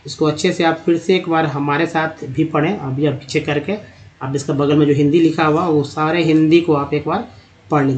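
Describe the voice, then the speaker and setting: Guy teaching english reading, slow careful sounding out, slightly high voice. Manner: slow, deliberate sounding-out of words over slides. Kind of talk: Hindi-language English pronunciation lesson.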